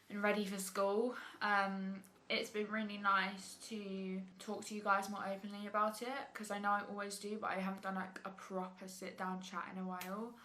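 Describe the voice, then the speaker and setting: A woman's voice: mid-range voice, pushed and bright. A teenage girl chatting casually in a rambling sit-down vlog from her bedroom. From England. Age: teens. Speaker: YouTuber.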